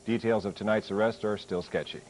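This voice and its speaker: A man reading TV news as anchor, with a measured, formal delivery. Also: fairly low pitch, steady tone, a little hiss or hum, poor audio. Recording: off-air 1980s TV tape.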